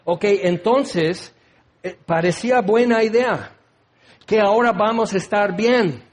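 Lively, high-voiced preacher. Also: male voice, slow. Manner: animated and humorous, acting out scenes. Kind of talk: sermon.

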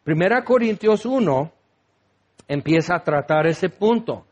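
A man preaching a sermon, lively and acting out the voices of the people he quotes. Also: sits high, a little slow, dull audio. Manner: animated, acts out quoted voices.

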